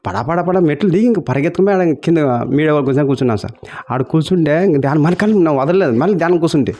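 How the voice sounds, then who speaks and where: A man from Kurnool tells his meditation experience in a fast, mellow voice. His voice sits a little high for a man. He keeps saying "sir" and plays out the lines of the people in his story. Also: expressive. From Kurnool, India. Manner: storytelling, addresses listener as sir, acts out quoted dialogue. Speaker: meditation practitioner sharing experience. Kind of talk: personal testimony.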